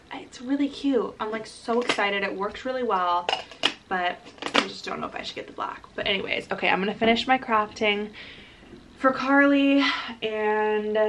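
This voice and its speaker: A woman in her early twenties chatting casually to camera in a bubbly, excitable sorority-girl manner, often dropping in "like" as filler. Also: medium pitch, moderate pace, background noise. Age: early 20s. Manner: frequent filler "like". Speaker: college vlogger. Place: parked car and small bedroom. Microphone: camera at about arm's length.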